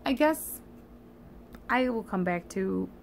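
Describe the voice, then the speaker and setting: A tired, sleepy woman gives a halting, meandering confessional monologue, slightly slurred because she has a retainer in her mouth. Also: medium pitch, expressive, gravelly, slight background noise. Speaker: vlogger.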